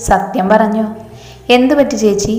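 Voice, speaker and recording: A woman's voice: mid-range voice, moderate pace, mellow, lightly acted. A woman voicing a cheeky younger sister. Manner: playful, mischievous. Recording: echoey hall reverb.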